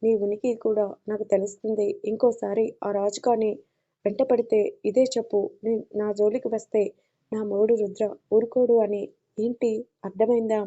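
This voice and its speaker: Storybook figure: a woman playing a bossy, threatening young lover, monotone, dark, muffled. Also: medium pitch, moderate pace, close to an everyday voice. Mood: commanding. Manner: commanding, threatening. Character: possessive domineering young man in love.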